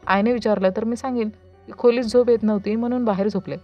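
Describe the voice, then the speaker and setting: A woman voicing a timid young bride newly married into a family, with a soft, plaintive delivery. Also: a little high, fairly even intonation, quick pace, muffled recording, soft background music, lightly acted.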